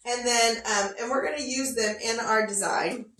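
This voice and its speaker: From her home sewing studio, a woman gives a casual quilting lesson in a chatty, folksy way, chatting to her dog between steps. Her voice is a little high, fairly bright and scratchy, with a slight cough, at a moderate pace in an echoey room.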